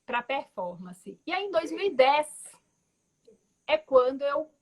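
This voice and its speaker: A woman's voice: high-pitched, very animated, takes it slowly. A woman in her forties from Belo Horizonte with a Minas Gerais accent, telling her story as a guest artist on a video call in a thoughtful way, with frequent tag words and restarts. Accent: Minas Gerais Portuguese. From Belo Horizonte, Brazil. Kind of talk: reflective conversational storytelling.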